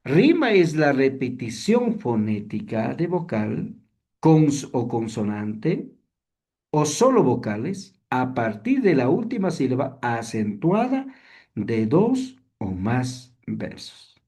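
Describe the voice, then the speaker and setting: A man teaching a seminary class, explaining slowly and hesitantly, often asking rhetorical questions. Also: medium pitch, very animated, a little mellow, slightly rough. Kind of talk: online class lecture on songwriting.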